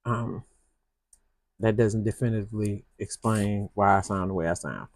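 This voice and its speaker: Decorating her planner on camera, a Michigan woman with a Southern US accent chats in a slow, soft-spoken ramble full of restarts. She has an extremely low-pitched voice, and there's slight background noise.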